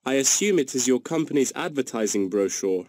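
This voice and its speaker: A man's voice: mid-range voice, animated, fairly quick, a little mellow, no room sound, clean studio sound, lightly acted. A man playing a courteous printing company employee in a scripted listening-test dialogue.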